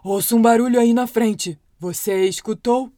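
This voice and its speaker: A woman voicing a big, slow-witted, hungry male monster in a storybook, with a gruff, drawling manner. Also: fairly high pitch, mellow, slight background noise, lightly acted.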